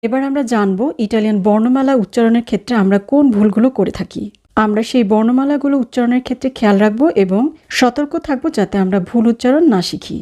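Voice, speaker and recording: A woman teaching pronunciation, saying each letter slowly and carefully and explaining how to say it. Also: a little high, mellow. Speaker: language teacher. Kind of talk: pronunciation lesson, repeating each letter twice.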